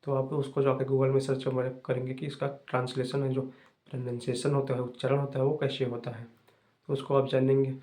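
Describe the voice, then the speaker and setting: A young man hosting an English-learning channel, giving fast, repetitive, casual advice to viewers. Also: mid-range voice, monotone, mellow.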